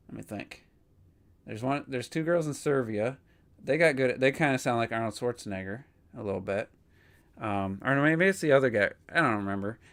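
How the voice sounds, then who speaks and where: Smooth-voiced man rambling on a podcast. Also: mid-range voice. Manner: rambling, opinionated, many fillers. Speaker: podcast co-host. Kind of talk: casual gaming podcast chat.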